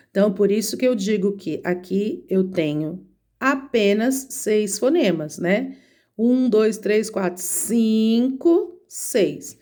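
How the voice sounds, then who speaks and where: A woman's voice: a little high, warm tone. A woman teacher with a Brazilian Portuguese accent, patiently explaining a lesson to children step by step and counting letters aloud. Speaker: schoolteacher. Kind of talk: recorded remote lesson for children.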